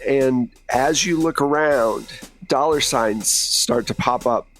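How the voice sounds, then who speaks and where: This game master has a mid-range, fairly bright voice and a slow pace, with soft music in the background. He runs a tabletop roleplaying session by improvising a conversational, second-person story.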